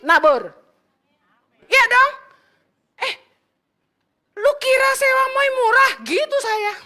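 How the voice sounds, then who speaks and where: Woman pastor, blunt joking sermon, very high sharp voice. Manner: blunt, fiery and joking, with street slang; scolds the congregation loudly.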